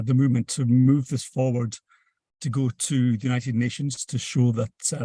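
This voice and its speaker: A man's voice: medium pitch, dark tone, dry recording. A man speaking as a campaigner on a panel, explaining things emphatically in plain words. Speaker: campaign activist, panel guest. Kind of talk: explanatory interview talk.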